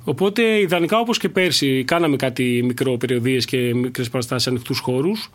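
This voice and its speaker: A young man, a stand-up comedian, chatting casually in an interview and thinking aloud with many fillers and restarts. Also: medium pitch.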